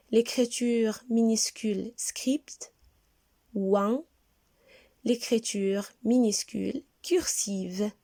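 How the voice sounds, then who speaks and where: Slow, patient woman teaching children to read. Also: fairly high pitch, dark tone. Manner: slow, clear, patient, spells words letter by letter. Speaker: primary school teacher. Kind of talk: reading lesson for young children.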